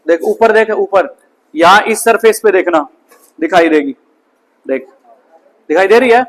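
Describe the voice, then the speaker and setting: Man teaching science, very high voice, quizzing the class and answering himself, calling students forward. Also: measured pace, low-quality recording. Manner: asks the class questions and answers them himself; often ends lines with "bhai". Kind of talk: classroom physics lesson. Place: school classroom.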